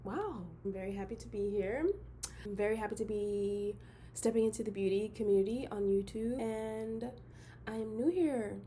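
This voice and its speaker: A young woman from Detroit, a model turned beauty vlogger, introducing herself in a bubbly, excitable way with giggly bursts. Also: mid-range voice, normal speed, slight background noise. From Detroit, Michigan. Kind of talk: casual intro vlog.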